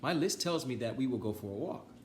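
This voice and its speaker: Man playing a stubborn fretful toad, storybook character, pitched up, animated swings, exclamatory. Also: quick pace, a little hiss or hum, natural voice. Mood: pleased. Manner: exclamatory, wailing when upset.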